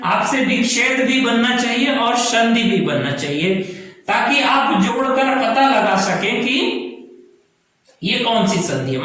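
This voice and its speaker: A man teaching a grammar lesson, explaining slowly and repeating key terms while checking that students follow. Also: sits high, pushed and bright. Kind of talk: classroom lesson. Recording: very echoey room.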